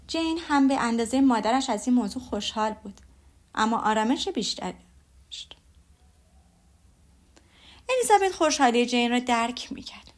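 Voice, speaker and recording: A woman narrating a novel aloud in a steady reading manner. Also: a little high. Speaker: audiobook narrator.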